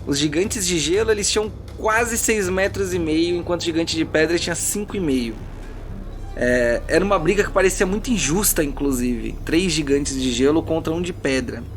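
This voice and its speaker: A Brazilian man with a high voice acts as game master, narrating a fantasy tabletop role-playing game dramatically and dropping in informal asides. A music bed plays behind him, and there's a little hiss or hum.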